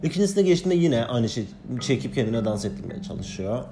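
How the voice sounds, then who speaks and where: A man with a warm, mellow voice retells a rough shift at a bar in a casual, agitated way, often rising in indignation. Faint guitar music plays under his voice. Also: mid-range voice, sing-song, a little fast. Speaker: bar floor staff telling a story. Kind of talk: casual storytelling vlog.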